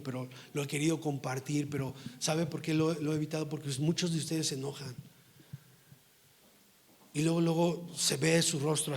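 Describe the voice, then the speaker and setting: A middle-aged man preaching a sermon as pastor, emphatic and scolding, rising to forceful outbursts. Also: fairly high pitch.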